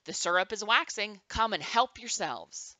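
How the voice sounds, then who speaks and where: A woman reading aloud and voicing a lively old grandmother in a storybook, calling out in a high, eager voice. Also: unhurried, no echo. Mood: cheerful. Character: lively old grandmother making maple syrup.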